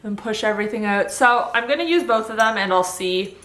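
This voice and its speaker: Woman, bright forceful voice, casual vlog chat, upbeat and informal, roomy echo. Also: mid-range voice, animated, fairly quick. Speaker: vlogger sharing surgery recovery tips.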